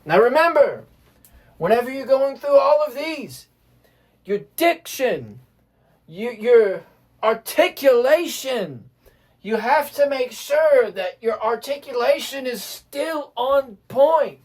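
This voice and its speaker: A music teacher with a high-pitched voice gives a casual, slow-paced lesson, explaining in a relaxed manner. He or she often restarts phrases and keeps checking in with "right?"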